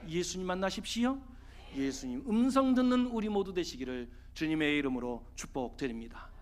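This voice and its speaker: A man preaching as pastor, telling a story in an animated, dramatic way with emphatic exclamations. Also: high-pitched, fairly quick. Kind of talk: sermon with storytelling.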